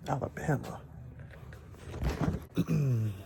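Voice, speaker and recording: This young vlogger speaks very slowly in a creaky, mid-range voice, chewing gum as he jokes around with viewers. Shot on a handheld phone in stores, the clip has a noisy background and playful asides.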